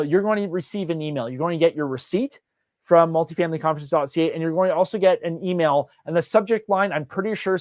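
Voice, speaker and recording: Man, conference organizer, casual live Q&A, chatty, lots of fillers, slightly high voice, dry close sound. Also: a little mellow, dry recording. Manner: loose and chatty, many fillers and restarts. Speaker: conference organizer answering viewer questions.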